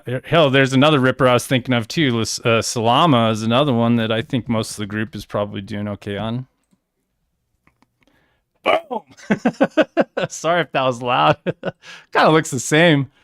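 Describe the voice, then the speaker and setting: A man's voice: mid-range voice, fairly bright tone, clean tone, dry recording, clean studio sound. Laid-back rambling male trading streamer. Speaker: crypto trading livestream host. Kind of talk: casual screen-share walkthrough.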